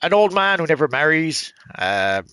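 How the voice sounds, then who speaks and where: With a fairly high, sing-song, pushed and bright voice at normal speed, this middle-aged Quebec man sounds smooth, and there's no room sound. He hosts a gaming channel, giving casual commentary as he plays in a mixed Quebec French accent. His talk is rambling and hesitant, packed with fillers and restarts.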